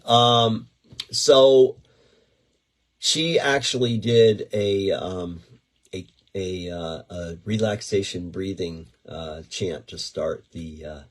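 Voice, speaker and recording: A middle-aged man with a very low, husky voice, talking in a loose, rambling way as host of a casual chat show. He circles back and restarts his sentences, keeping an unhurried, easygoing tone throughout. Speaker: podcast host and event promoter.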